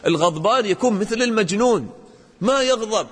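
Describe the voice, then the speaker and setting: A man teaching a religious lesson to children, questioning the class and acting out examples in an animated way. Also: sits high, a little fast, husky, big-room sound.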